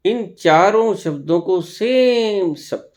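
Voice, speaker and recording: A man teaches a spiritual discourse in a high-pitched, expressive voice with a darkish tone. He speaks deliberately, leaves long pauses, and at times scolds his listeners with rhetorical questions.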